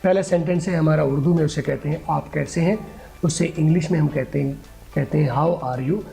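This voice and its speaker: A man's voice: on the high side, normal speed, creaky, warm tone, soft background music. A man teaching an English pronunciation lesson, patiently repeating words and phrases for his students.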